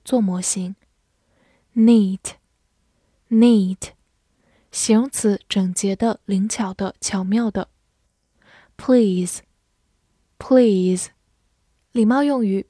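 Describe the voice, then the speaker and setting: A woman slowly reading out vocabulary words, saying each word twice in a measured way before its meaning. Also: mid-range voice, warm tone, no echo, studio quality. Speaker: vocabulary reader. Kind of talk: slow scripted word drill.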